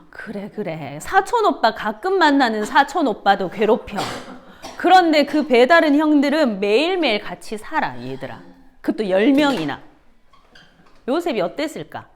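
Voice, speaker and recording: A woman's voice: high-pitched, measured pace. A woman giving a children's Sunday school sermon, asking the kids questions and gasping for effect. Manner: animated, asks children questions, gasps for effect.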